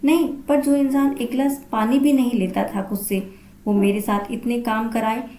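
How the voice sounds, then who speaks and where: A woman's voice: a little high, steady tone, normal speed, mellow, lightly acted. Woman voicing a worried young daughter-in-law. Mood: earnest. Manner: earnest, hesitant. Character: young devoted daughter-in-law, anxious and caring. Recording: roomy echo.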